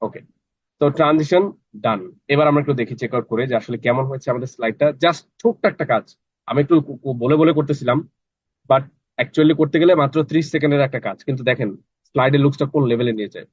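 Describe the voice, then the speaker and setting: A man runs a live online class, talking fast and checking in with his students again and again. His voice is dry and close, a little dull, as from a computer microphone on a video call. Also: mid-range voice, husky, no room sound. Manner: chatty, checks in with students often.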